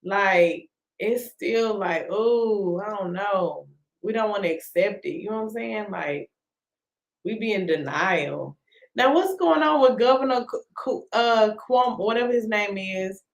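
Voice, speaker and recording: A woman's voice: mid-range voice, animated, unhurried, creaky, echoey room. A woman hosting a casual live stream, talking in a drawling, exasperated, slangy way.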